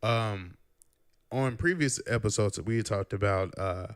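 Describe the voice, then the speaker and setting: A young man with a fairly low voice speaks a little slowly as he hosts a casual podcast. He keeps things relaxed, teases his guest, and steers the topics.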